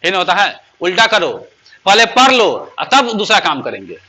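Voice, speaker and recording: A male teacher gives a classroom grammar lesson. He keeps asking his pupils questions and says English example sentences slowly and emphatically. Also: high voice, huge pitch swings, pushed and bright. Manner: asks pupils constant rhetorical questions.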